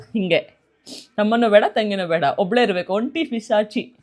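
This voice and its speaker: A woman's voice: mid-range voice, moderate pace, darkish tone. A woman vlogging at home as a mother, playfully teasing and coaxing her little daughter. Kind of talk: casual family vlog chat.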